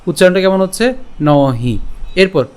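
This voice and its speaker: A man's voice: on the high side, a little mellow. A man from Bengal teaching Sanskrit verse pronunciation, breaking words into syllables and checking in with the listener. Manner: slow syllable-by-syllable chanting of verses; patient, often asks "ঠিক আছে?". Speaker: Gita recitation teacher.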